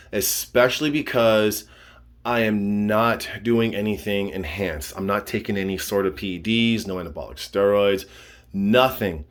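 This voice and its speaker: Low-voiced man rambling to camera. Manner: repeats himself, checks in with "okay?" and "all right?". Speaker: fitness vlogger. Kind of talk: casual rambling vlog.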